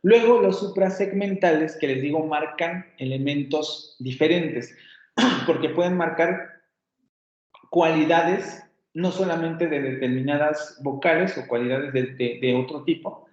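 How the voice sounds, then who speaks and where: A man's voice: a little high, unhurried. A man with a Mexican Spanish accent giving a university phonetics lecture, explaining step by step, repeating example words aloud and correcting himself often. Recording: roomy, dull lo-fi sound.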